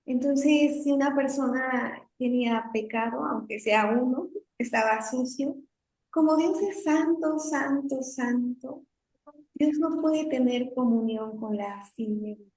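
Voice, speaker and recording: A woman's voice: high voice, takes it slowly, a little mellow, reverberant, poor audio. A woman pastor teaching the Bible to a women's group over a video call, explaining step by step and often checking in with "¿no?". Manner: explanatory, often adds "¿no?" and "entonces". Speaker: pastor leading a women's devotional.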